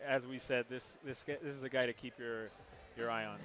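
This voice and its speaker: A man's voice: medium pitch, steady tone, moderate pace, a bit bright, soft background music. A man commentating on mixed martial arts as a fight commentator, often repeating words for emphasis. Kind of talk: MMA commentary.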